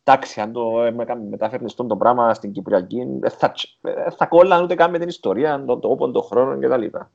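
A man's voice: mid-range voice, creaky, hardly any pauses, darkish tone, dull audio. A man with a Greek Cypriot accent telling stories casually as an interview guest, dropping English words into his talk. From Cyprus. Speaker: interview guest, film and theatre director. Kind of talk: casual conversational storytelling.

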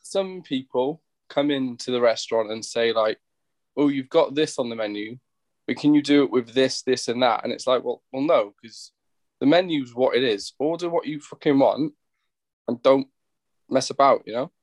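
A Welsh chef appears as a podcast guest, talking bluntly and in a laid-back way, casually swearing. His mid-range voice moves at a moderate pace, with no echo.

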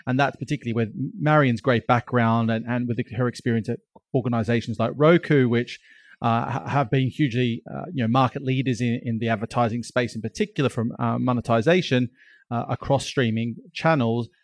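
A man's voice: mid-range voice, fairly even intonation, fairly quick, no room sound. A man co-hosting a business podcast, speaking thoughtfully with frequent restarts and fillers. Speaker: podcast co-host, chief executive. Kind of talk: casual podcast chat.

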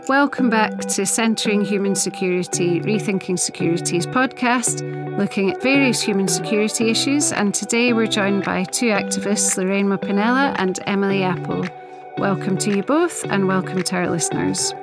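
A woman hosts a podcast in a middle-pitched voice. Her delivery is measured and earnest, part scripted introduction and part interviewing. She sometimes corrects herself mid-word. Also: over loud music. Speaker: podcast host.

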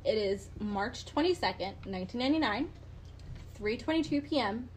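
A woman tells a true-crime case to a room of friends in a loose, chatty way. She drops sarcastic asides along the way, her voice sits a little high, and faint hiss lies under the recording. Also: lively intonation, normal speed. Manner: laughing, sarcastic asides while recounting a case. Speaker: podcast host. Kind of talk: casual true-crime podcast storytelling.

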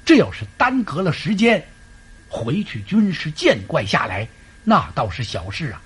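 A man's voice: on the high side, wildly swooping pitch, normal speed, a bit bright, breathy edge, exaggerated voice. A man voicing a bold, loyal general who urgently presses his lord in a storytelling performance. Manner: urgent, pleading.

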